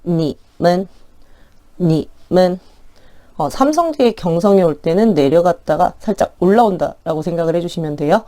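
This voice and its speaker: A woman teaching an online language lesson in a friendly, polite explaining tone, slowly drawing out words as pronunciation models. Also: lowish voice, animated, mellow.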